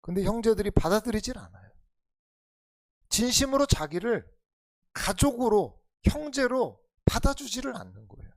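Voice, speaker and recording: A man's voice: high voice, big pitch swings, moderate pace, dry recording. A male pastor preaching an expository sermon in earnest, urging tones, full of rhetorical questions. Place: church sanctuary.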